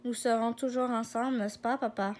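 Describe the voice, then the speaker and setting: A woman's voice: a little high, steady tone, moderate pace, a little mellow, a little hiss or hum, natural voice. A woman voicing a young male lion cub, eager and frightened, in a slightly raised childlike voice. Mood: hopeful.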